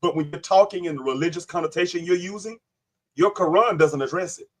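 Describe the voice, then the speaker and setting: A man's voice: high-pitched, a little fast. A man hosting a live online panel, debating insistently, cutting in and repeating his questions. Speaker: livestream host.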